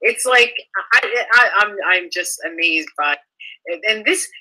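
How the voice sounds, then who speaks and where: A woman's voice: medium pitch, lively intonation, sharp tone, low-quality recording. A young woman reading out online comments and answering them in an indignant, sarcastic, profane rant, stumbling and restarting as she talks. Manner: halting with frequent restarts. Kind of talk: casual ranting commentary.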